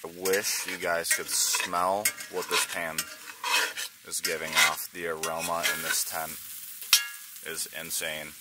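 A man's voice: low voice, slow. A young man vlogging a fishing and camping trip, talking into a handheld camera inside a tent in the woods. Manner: excited, worn-out outdoorsman talking to camera. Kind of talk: casual vlog narration. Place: inside a tipi hot tent in a forest. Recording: noisy outdoor camera audio with sizzling pan.

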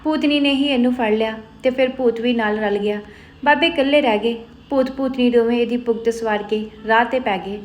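A woman's voice: a little high, fairly quick, lightly acted. Woman doing a joking old village man. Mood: mocking. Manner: teasing, laughing.

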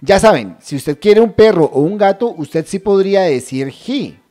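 A woman teaching English over a shared screen, checking in often with her viewers and saying English phrases slowly and deliberately. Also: mid-range voice, lively intonation, mellow. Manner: addresses viewers as a group, checks understanding often. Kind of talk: screen-share language lesson.

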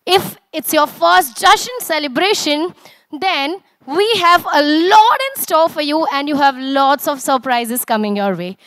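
Speaking a little slowly in a high voice with no echo, a young adult woman with an Indian accent hosts a corporate event from a big auditorium stage. She works the handheld and podium mics, projecting to the audience with rousing energy.

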